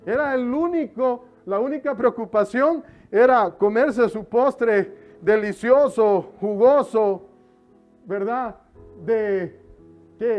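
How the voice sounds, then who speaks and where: A man preaching a sermon in church, joking with the congregation and drawing out words for emphasis. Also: very high voice. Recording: slightly dull sound with music behind.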